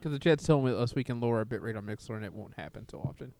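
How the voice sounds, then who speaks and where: A man's voice: mid-range voice, expressive, very fast, a little mellow, no room sound. A man co-hosting a casual wrestling podcast, joking and bantering with his friends. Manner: joking, mock-teacher delivery in his segment. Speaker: podcast co-host.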